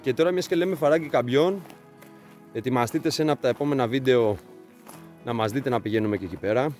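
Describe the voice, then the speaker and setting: A young man vlogs a hike along a forest trail, casually narrating for his viewers, joking and explaining the route as he walks. His voice is medium-pitched with a darkish tone, and faint music plays behind. A handheld camera mic records him outdoors.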